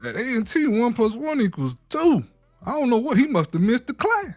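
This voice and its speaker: High-voiced guy going off, swinging all over, mocking and fed up, dry sound with faint music. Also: fairly quick, dry recording. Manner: animated, mocking, exasperated. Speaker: co-host. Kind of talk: heated casual commentary.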